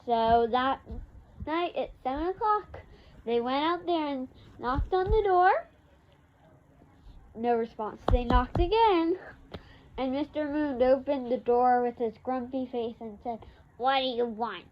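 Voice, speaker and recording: Slow, high-voiced casual storyteller woman. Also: muffled recording. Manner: chatty, rambling, with fillers and asides.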